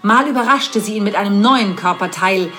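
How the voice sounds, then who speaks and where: A woman reading an adult story aloud in a measured pace, with occasional slips and restarts. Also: mid-range voice, fairly bright tone, faint music behind.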